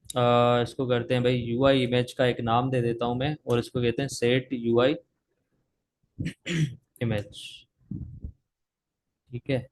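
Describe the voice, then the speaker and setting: A man's voice: mid-range voice, slight background noise. A man teaching coding live over a video call, with a sore throat that makes him cough, often checking in with "theek hai". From Pakistan. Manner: talks while typing, frequent "theek hai" checks. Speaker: coding instructor.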